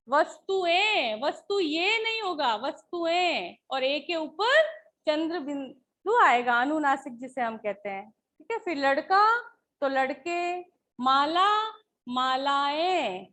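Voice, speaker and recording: A woman's voice: sits high, a bit bright. A woman teacher explaining Hindi grammar patiently, often checking with the class as she goes.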